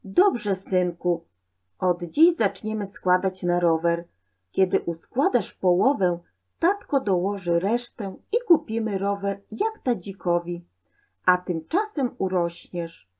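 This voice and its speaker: A woman reading a storybook aloud, voicing a calm, patient mother. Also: mid-range voice, slow pace. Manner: calm, soothing.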